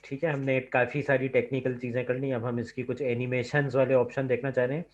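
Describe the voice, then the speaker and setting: A man's voice: mid-range voice, flat delivery, brisk. A man teaching a computer lab over a video call, explaining step by step and checking in with "ठीक है" at every turn. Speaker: lab instructor. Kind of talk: online lab lecture. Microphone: computer mic on a video call. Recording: slightly dull online class audio.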